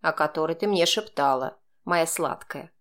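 A woman voicing a brash, mocking young male student who taunts and insinuates in a lowered voice. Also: normal speed, natural voice.

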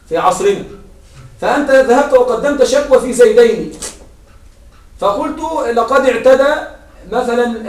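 Male grammar teacher, high voice, patient step-by-step classroom explaining, distant mic in an echoey room. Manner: explains step by step, often checks with students.

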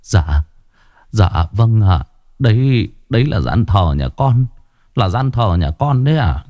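A man's voice: lowish voice, big pitch swings, slow, no room sound, dull audio. A man doing a stammering, panicked rich man. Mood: nervous. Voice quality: stammering, tearful pleading. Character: terrified wealthy middle-aged man pleading, stammering.

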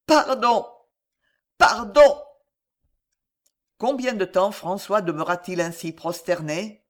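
A man reading a classic novel aloud as an audiobook, measured and expressive with dramatic pauses. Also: high-pitched. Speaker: audiobook reader.

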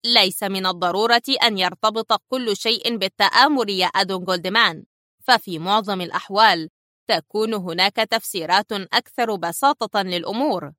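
A woman reading a storybook who voices a calm, level-headed male agent explaining things in a measured way. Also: medium pitch, no echo, studio quality, lightly acted.

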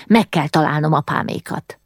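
A proud, haughty young boy who bristles at every word, played by a woman reading a storybook. He speaks with indignant, drawn-out emphasis. The recording is dry and close. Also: deep voice, no room sound, faint music behind.

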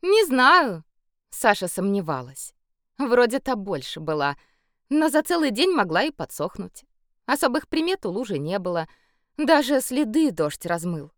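A woman reading a children's story aloud with playful, expressive narration. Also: mid-range voice, normal speed, no echo, studio quality. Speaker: audiobook reader.

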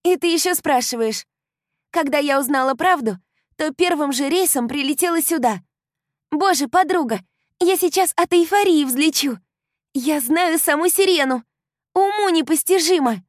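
Female reader doing the gushing best friend: young, loud, high, breathless, dry close read. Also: expressive, moderate pace, dry recording. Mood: excited. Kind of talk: audiobook character voice.

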